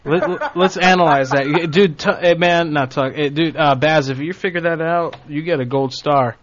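A man's voice: a little high, normal speed. A man hosting a prank-call show, chatting casually in a self-mocking way, laughing and swearing. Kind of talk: casual banter. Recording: dull lo-fi audio.

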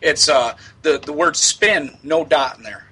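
A man with a slightly high, slightly rough, sharp-toned voice speaks unhurriedly on a prank phone call, posing as a prison program organizer. He improvises casually, explaining things hesitantly and repetitively.

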